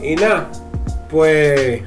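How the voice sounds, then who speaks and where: Teasing Dominican co-host, higher voice. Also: male voice, animated, extremely slow, music in the background. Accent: Dominican Spanish. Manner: teasing, laid-back banter. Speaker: podcast co-host. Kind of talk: casual chat.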